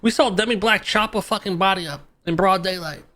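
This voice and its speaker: A man's voice: high-pitched, fairly quick, sharp tone. A man arguing bluntly and profanely in an in-character roleplay discussion. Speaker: gang member in a roleplay game.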